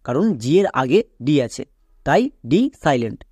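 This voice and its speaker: A man teaching English spelling in an explanatory lesson. He asks the viewer questions, answers them himself, and spells words out slowly, letter by letter. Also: medium pitch, animated, darkish tone, slightly rough, no room sound, studio quality.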